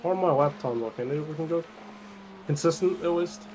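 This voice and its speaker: A man's voice: on the high side, a little fast. A man in casual voice-chat banter, joking and chatting as he drives a sim race. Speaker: sim racing driver streaming a team endurance race. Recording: noisy game-audio background.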